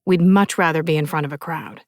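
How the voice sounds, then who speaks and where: A woman narrator voicing a laid-back young male rock musician in an audiobook, speaking calmly and softly. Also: deep voice, brisk, no room sound, clean studio sound, close to an everyday voice. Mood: earnest. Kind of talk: audiobook character voice.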